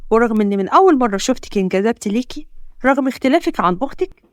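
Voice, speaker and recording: A woman doing a gentle young Egyptian husband. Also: on the high side, animated, rapid-fire, no room sound, lightly acted. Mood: tender. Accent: Egyptian Arabic. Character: patient, tender young husband.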